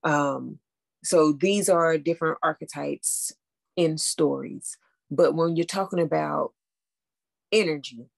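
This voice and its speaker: A woman's voice: low-pitched, vocal fry, dry recording. A woman coach hosting a live online masterclass, talking casually and upbeat and checking in with listeners with a frequent "okay?". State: out of breath after running upstairs.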